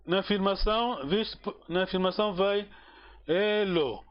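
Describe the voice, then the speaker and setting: A man teaching a casual one-on-one language lesson, relaxed and encouraging, with many fillers and repeated words. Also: high-pitched, normal speed, muffled recording.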